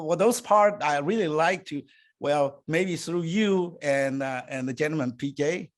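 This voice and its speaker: His voice a little high, an older guest raised in Taiwan works through interview questions in English, his second language after Chinese. He speaks haltingly, restarting often and leaning on fillers.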